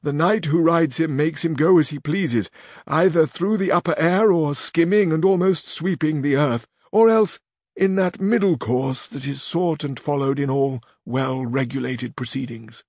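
A man's voice: a little high, unhurried, a little mellow, no room sound, studio quality. A man reading aloud and voicing a distressed noblewoman with florid, lamenting speech. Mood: formal.

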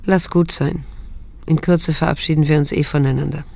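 In a radio drama, an actress plays a middle-aged daughter who is restrained and quietly repelled, questioning and narrating in a measured, insistent way. Her husky voice is deep, with fairly even intonation, and her mood comes across as hesitant and probing.

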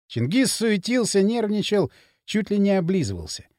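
A man narrating an audiobook in an expressive, dramatic reading. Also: high voice, normal speed, dry recording, studio quality. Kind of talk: scripted narration.

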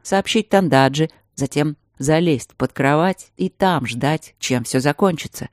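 A woman reading an audiobook, voicing a calm, teasing male mage who lectures patiently. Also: sits low, a little slow, no echo, studio quality. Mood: patient lecturing. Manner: patient, gently mocking, lecturing.

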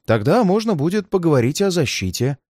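A man's voice: a little high, very animated, fairly quick, dry recording, voice pushed up. A man voicing a stern male detective who speaks dryly and firmly. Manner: dry and firm, sometimes gentle.

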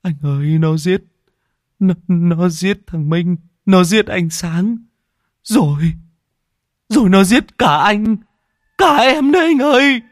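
A man's voice: medium pitch, unhurried, long pauses, no echo, clean studio sound, pitched above the performer's own voice. A man voicing a frightened younger brother who is crying and pleading in panic. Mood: terrified, pleading.

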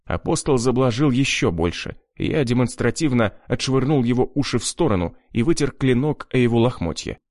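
A man's voice: medium pitch, expressive, normal speed, hardly any pauses, darkish tone, no echo, clean studio sound. A man reading an audiobook in a grim, cold first-person voice. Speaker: audiobook narrator. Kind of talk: scripted narration.

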